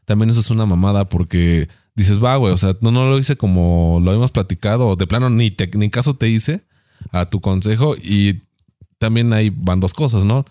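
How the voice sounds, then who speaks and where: Fast-talking blunt Mexican man. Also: on the low side, dark tone, dry recording, clean studio sound. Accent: Mexican Spanish. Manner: blunt, slangy and profane, quick to mock friends. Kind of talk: casual chat.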